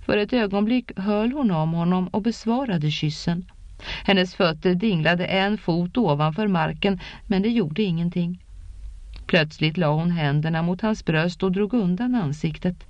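A woman reads a fantasy novel aloud in an even, measured way, her voice on the low side. The recording is dry and close, with a slightly dull, lo-fi sound. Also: no room sound. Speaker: audiobook narrator. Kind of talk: scripted narration.

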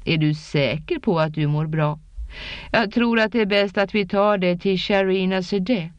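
A woman voicing a patient, affectionate warrior king speaking gently to his wife. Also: medium pitch, no echo, lightly acted. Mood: gentle. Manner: calm, affectionate, coaxing. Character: tender, patient warrior king and husband, a grown man. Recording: dull lo-fi.

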